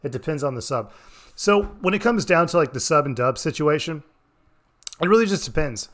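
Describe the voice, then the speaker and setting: A man's voice: a little high, lively intonation, fairly quick, fairly bright tone. A man giving casual, rambling reaction commentary on a stream, swearing freely. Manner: rambling, profane, laid-back.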